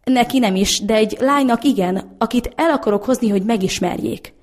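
A woman's voice: fairly high pitch, darkish tone, close to an everyday voice. A woman reading the lines of a determined young baker's son who defends the girl he loves. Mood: earnest. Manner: earnest, determined, pleading. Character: young man, earnest baker's son in love.

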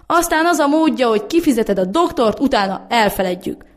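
A woman's voice: fairly high pitch, animated, voice pushed up, close to an everyday voice. Woman reading as a stubborn, furious old baker father. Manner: gruff, scornful, shouting. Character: old male master baker, stubborn, domineering.

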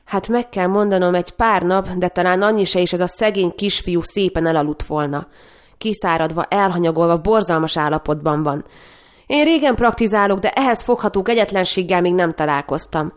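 A woman's voice: on the low side, natural voice. A woman reading a grave old doctor. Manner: grave, measured. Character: experienced, shaken male country doctor.

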